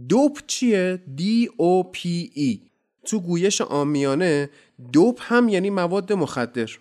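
A man teaching English in a casual podcast lesson. He explains in a friendly, chatty way and says each example sentence slowly and deliberately. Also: sits high, animated, darkish tone.

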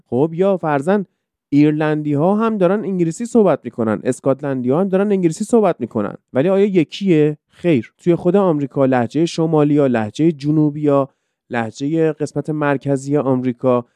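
A man's voice: fairly high pitch, warm tone, clear, resonant tone, no room sound, studio quality. A man hosting a casual podcast lesson, explaining with many examples and rhetorical questions. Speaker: podcast host teaching English.

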